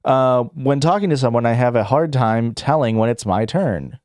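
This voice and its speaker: A young man is streaming live, reading viewers' questions aloud and answering in a loose, rambling way, full of fillers, restarts and self-corrections, with the odd chuckle. His voice is mid-range and a bit dark, with lively intonation and a moderate pace. The studio-quality recording has no room sound.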